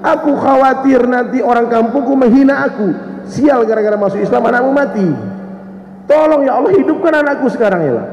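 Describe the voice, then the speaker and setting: A man's voice: very high-pitched, fairly quick, darkish tone, pitched above the performer's own voice. A man voicing a grieving young mother who pleads tearfully with God, in raised tones. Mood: pleading. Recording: echoey hall, muffled sound.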